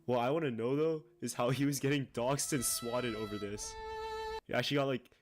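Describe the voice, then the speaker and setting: A man's voice: medium pitch, fairly even intonation, a little fast, faint music behind. A young man giving casual online commentary in a slangy, incredulous way.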